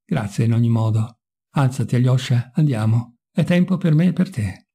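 A man's voice: medium pitch, animated, moderate pace, creaky, warm tone, slightly rough. A man voicing a bitter, mocking young intellectual in a read-aloud novel, with a wry, sardonic manner.

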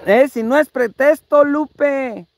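A man's voice: very high-pitched, takes it slowly, creaky, a little mellow. A Mexican man live-streaming a vlog in casual chat, teasing and swearing freely. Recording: noisy live-stream audio.

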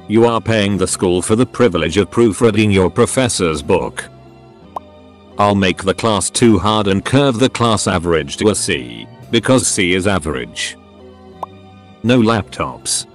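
A man with a fairly low voice reads online posts aloud in a flat, even delivery. Quiet music plays underneath him. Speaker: narrator. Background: faint music.

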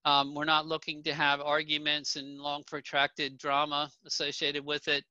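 A middle-aged man, slightly high-voiced, presents slides to an online association town hall at normal speed, monotone yet bright and forceful. He speaks plainly, often saying um and restarting, and his video call webcam gives dull, dry audio.

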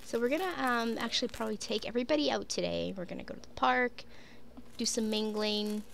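In a casual let's play, a young woman with a cold talks briskly to her sims, narrating her life-sim game with lots of "um" and "like." The gaming YouTuber has a fairly high, fairly bright voice with vocal fry, and there's slight background noise.

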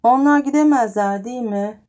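A woman's voice: fairly high pitch, normal speed, warm tone, pitched above the performer's own voice, natural voice. A woman voicing a spoiled little boy who asks proud, eager questions in an audiobook story. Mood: boastful.

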